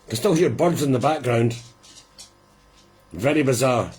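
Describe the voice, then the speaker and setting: Husky man chatting through a record. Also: mid-range voice, moderate pace. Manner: chatty, rambling, quietly amused. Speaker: host of a live listening party. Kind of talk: casual live commentary.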